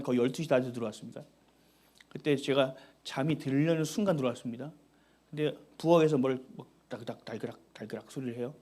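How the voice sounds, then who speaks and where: A middle-aged man preaching a sermon as pastor, telling family stories with acted-out dialogue. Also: a little high. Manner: animated storytelling, acting out family dialogue.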